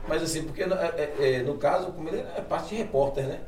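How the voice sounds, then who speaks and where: A man's voice: a little high, fast talker, a little mellow. A man with a Bahian Brazilian accent hosting a casual live interview chat in informal, slangy speech. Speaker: show host. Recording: roomy echo, faint background noise.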